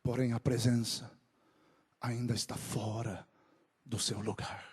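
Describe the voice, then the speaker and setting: A man preaching a sermon, moving from low, quick talk to drawn-out shouted climaxes. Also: flat delivery, slightly rough.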